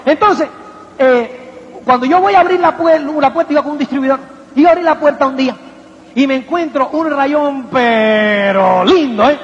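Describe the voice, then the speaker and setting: A man giving a motivational seminar talk to an audience, rhetorical and animated, constantly asking if they follow him. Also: very high-pitched, moderate pace. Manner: rhetorical, keeps asking "¿me entiendes?"; acts out little quoted voices and anecdotes. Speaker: motivational speaker. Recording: echoey hall, dull lo-fi sound.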